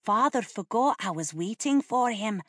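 Audiobook: woman doing a cocky little noble boy, high and quick-tempered, impatient and superior. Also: no room sound, studio quality, full character voice. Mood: conspiratorial. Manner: excited, superior, conspiratorial. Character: impatient eight-year-old noble boy, lofty tease.

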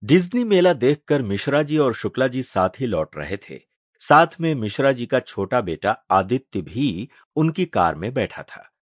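A man narrating an audiobook story in a measured, expressive storytelling manner. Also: mid-range voice, no room sound, studio quality.

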